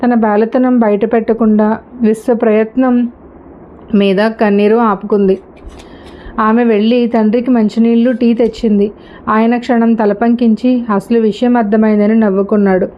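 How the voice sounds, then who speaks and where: A woman's voice: a little high, little pitch movement, normal speed. A woman narrating a story as a storyteller, reading steadily and evenly. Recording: slightly dull lo-fi recording.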